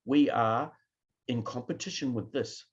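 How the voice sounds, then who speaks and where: A New Zealand-accented keynote speaker addresses an online conference in an unhurried, husky voice of medium pitch, inviting reactions now and again. The sound is lo-fi.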